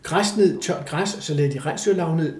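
An older man with a fairly high voice tells a personal story in a relaxed interview. He is animated and acts out the voices of the people he describes. The room is echoey. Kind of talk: casual storytelling.

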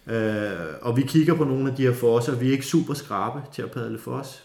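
A man telling a lively, casual story with many fillers and restarts. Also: mid-range voice. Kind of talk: casual spoken anecdote. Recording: roomy echo.

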